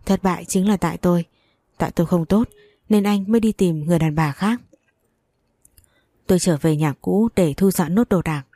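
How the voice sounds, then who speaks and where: A woman's voice: on the low side, dry recording, studio quality. A woman reading a first-person domestic drama aloud, voicing every character's lines in her own voice. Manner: even storytelling voice, reads all dialogue herself. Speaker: narrator. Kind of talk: scripted first-person story narration.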